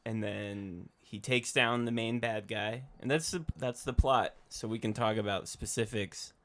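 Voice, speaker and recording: A man's voice: lowish voice, steady tone, measured pace, a bit bright, a little hiss or hum. A man co-hosting a casual movie podcast, rambling through a plot summary with fillers and laughing asides. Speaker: podcast co-host. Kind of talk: casual chat about movies.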